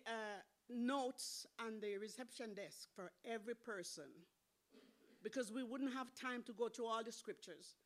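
Fervent high-voiced woman preaching. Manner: fervent, calls out amens and hallelujahs, rises to shouting. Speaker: church elder preaching. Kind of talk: sermon. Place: church hall.

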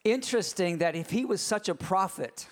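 A man preaching a sermon in short phrases, pausing after each for his interpreter. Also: sits high, animated.

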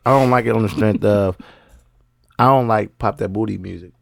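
A man with a gravelly, fry-heavy voice gives blunt song ratings on a casual panel. His talk is slangy and he repeats himself. The sound is dry and close, with little room in it. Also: on the low side, moderate pace, dry recording. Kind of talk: casual chat.

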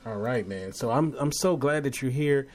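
A man from Los Angeles hosting an internet radio show, interviewing a guest in a relaxed, hesitant way with many fillers. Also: mid-range voice, moderate pace. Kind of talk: casual interview.

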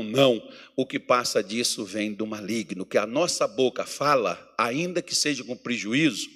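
Bright-voiced preaching pastor from Minas Gerais. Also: male voice, lowish voice. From Minas Gerais, Brazil. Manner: folksy, joking asides, builds to emphatic preaching. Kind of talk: sermon. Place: church meeting hall.

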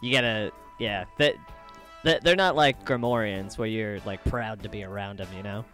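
A man's voice: lowish voice, moderate pace, fairly bright tone, faint music behind, natural voice. A man playing a chummy, easily exasperated desert alien scavenger, tipsy and rambling in improvised comedy. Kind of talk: improvised comedy role-play.

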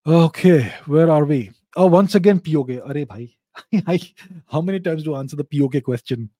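Casting: male Q&A host, Indian accent, fairly high but soft-toned voice, opinionated and explanatory. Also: fairly quick, dry recording. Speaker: host of a live Q&A show. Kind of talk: informal geopolitical commentary answering viewer questions.

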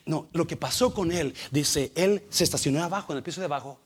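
A man preaching a sermon in a church, telling a story with big swings from loud to hushed. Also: on the high side, fairly quick, a little hiss or hum. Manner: emotive, swings from loud to hushed, mixes in English fillers. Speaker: pastor.

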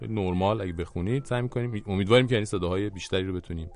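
A man hosting a radio show, casually giving advice to listeners with frequent filler sounds. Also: low-pitched. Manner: relaxed, advisory, with frequent fillers. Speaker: radio host.

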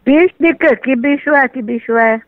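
A woman, heard over a phone line as the target of a prank call, suspicious and quick to insult. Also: high-pitched, dry recording.

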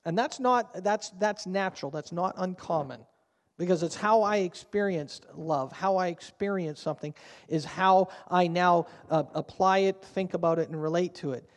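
A man's voice: sits high, normal speed. A man preaching a sermon at a pulpit microphone in a church, speaking in an earnest, conversational way. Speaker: pastor. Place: church sanctuary. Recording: long church-hall reverb.

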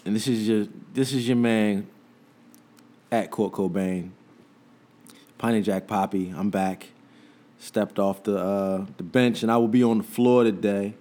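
A man's voice: fairly low pitch, fairly even intonation, a little slow, pauses often, dark tone. A man co-hosting a casual podcast, laid-back and rambling, full of fillers and laughter. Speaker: podcast co-host.

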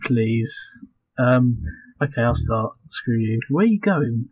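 A man's voice: medium pitch, expressive, slow pace, slightly rough, dry recording, dull audio. A man co-hosting a podcast, joking around, swearing and laughing a lot. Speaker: podcast co-host. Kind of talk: casual chat.

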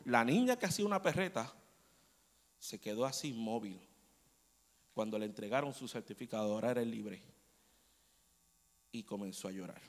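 A man preaching a storytelling sermon in a church, often checking in with the congregation. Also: mid-range voice. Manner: animated storyteller, asks the congregation "¿verdad?". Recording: long church hall reverb.

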